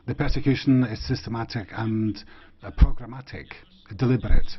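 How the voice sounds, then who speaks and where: A man giving a simultaneous interpretation of parliament speeches, in a measured, halting delivery with frequent pauses. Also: mid-range voice, steady tone, slightly rough. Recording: muffled broadcast audio feed.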